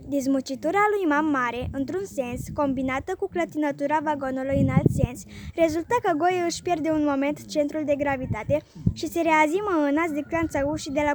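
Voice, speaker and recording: A woman reading a classic comic story aloud as an audiobook narrator, with clear, measured storytelling. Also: high voice. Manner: clear, measured storytelling with lively quoted voices. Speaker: audiobook reader.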